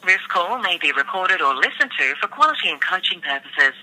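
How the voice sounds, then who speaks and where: Recorded phone menu announcer: very bright tone, formal, measured instructions. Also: medium pitch, sing-song, rough recording. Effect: recorded phone menu message. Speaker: automated helpline announcer.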